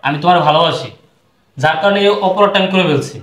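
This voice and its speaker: A fast-talking young husband, played by a man in a short drama, pleading and trying to calm his angry wife. His voice is fairly high, in an echoey room. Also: noisy background, natural voice. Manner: pleading, placating.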